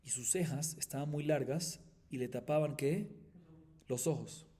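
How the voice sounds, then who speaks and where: A man, a rabbi, teaching a Talmud class as a lively story, often asking his listeners questions and then answering them himself. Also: mid-range voice, a little slow. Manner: animated teller who asks the class questions and answers them.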